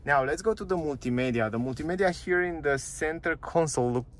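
A car reviewer with a voice on the high side talks a little fast as he casually shows off the dashboard and touchscreen menus of a parked car. His chatty walkthrough repeats phrases and uses non-native grammar, with a little hiss or hum in the recording.

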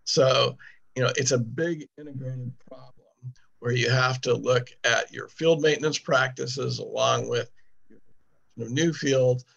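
A man speaks over a video call in a measured way, pausing to rephrase as he makes a public comment. His gravelly, husky voice comes through muffled, lo-fi audio that glitches and keeps cutting out. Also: mid-range voice, fairly even intonation, fairly bright tone. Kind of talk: public comment at a city board meeting. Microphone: computer mic on a video call. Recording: dull lo-fi remote call audio with dropouts.

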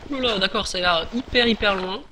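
A man's voice: high-pitched, a little fast, pushed and bright, a little hiss or hum. A man giving casual, chatty gameplay commentary, hesitant with many fillers and restarts. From France. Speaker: gaming YouTuber.

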